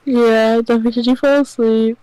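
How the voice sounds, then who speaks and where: A woman's voice: fairly high pitch, steady tone, measured pace, warm tone, clear, resonant tone, dry recording, rough recording. A young woman in casual voice chat, answering a friend with dry, skeptical comebacks.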